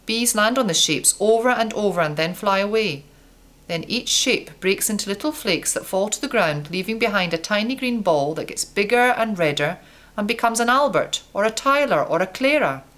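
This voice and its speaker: A woman voicing an old, wrinkled male apple who gently recounts his seasons, in a storybook reading. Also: medium pitch, animated, moderate pace, close to an everyday voice. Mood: recounting.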